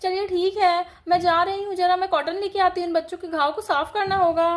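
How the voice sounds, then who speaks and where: A woman's voice: very high-pitched, steady tone, a little fast. A woman voicing Lily, a young nurse who is polite and flustered in a doll story.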